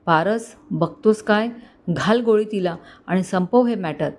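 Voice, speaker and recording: A woman's voice: medium pitch, measured pace, natural voice. A woman doing a furious scheming uncle. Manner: shouting, bitter and threatening. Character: greedy ruthless middle-aged uncle, a man. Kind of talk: storybook narration.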